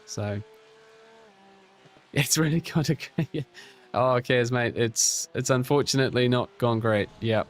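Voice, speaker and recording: A man hosting a casual live stream, chatting with viewers and a teammate in a relaxed way, full of restarts and fillers. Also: mid-range voice, slow pace, pauses often. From New Zealand. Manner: relaxed and chatty, with frequent restarts and fillers while reading chat aloud; friendly, encouraging teammate. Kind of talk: casual live-stream chat over sim racing.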